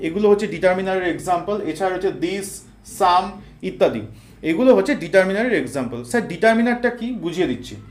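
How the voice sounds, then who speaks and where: A man's voice: high voice, lively intonation, fast talker. A man teaching English grammar, explaining each point step by step with everyday examples and talking straight to his students. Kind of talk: explanatory lesson. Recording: echoey room.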